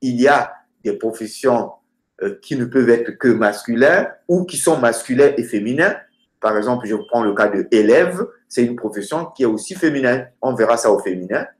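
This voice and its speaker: A man teaching grammar through lists of words, hesitating often and slowing down for each example. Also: mid-range voice, animated. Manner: hesitant, many filler sounds, slows down for example words. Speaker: language teacher. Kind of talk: explaining grammar with word lists. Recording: roomy echoey room.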